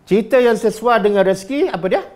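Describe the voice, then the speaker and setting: A man with a Malaysian Malay accent preaching a religious lecture, firing rhetorical questions at his listeners in an animated way. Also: sits high, fast talker.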